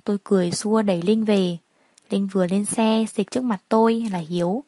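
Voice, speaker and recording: A woman telling a first-person story as scripted narration, in a steady, plain storytelling manner. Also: medium pitch, normal speed, no echo.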